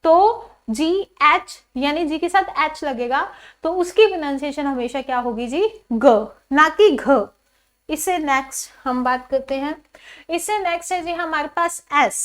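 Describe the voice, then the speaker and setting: A woman teaching English pronunciation to a class. She asks questions and answers them herself, and repeats each example word slowly. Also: high voice. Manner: calls the pupils "children", says "ji" often.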